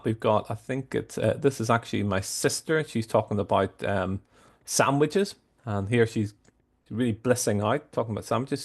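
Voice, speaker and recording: A man presenting a screen-share tutorial, explaining things in a halting way with frequent restarts. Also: medium pitch. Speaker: software demo presenter.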